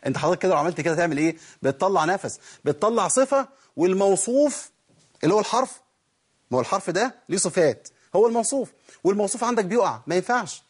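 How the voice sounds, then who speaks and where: Egyptian tajweed teacher, male, quick and husky, slightly high, quizzes himself aloud as he goes. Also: lively intonation. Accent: Egyptian Arabic. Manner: explains by asking and answering his own questions, demonstrates sounds. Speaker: Quran recitation teacher. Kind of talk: tajweed lesson.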